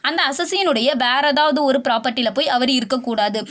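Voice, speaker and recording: A woman's voice: sits high, fairly bright tone. A woman tutor explaining tax rules in a video lesson, mixing English legal terms into her talk and restating each point in plain words. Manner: mixes English legal terms into Tamil, reads rule text slowly.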